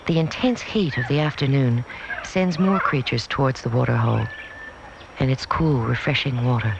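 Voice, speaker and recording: A man giving calm, measured, poetic scripted narration for a nature documentary, heard from a worn VHS tape copy. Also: mid-range voice, vocal fry. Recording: dull hissy worn videotape dub.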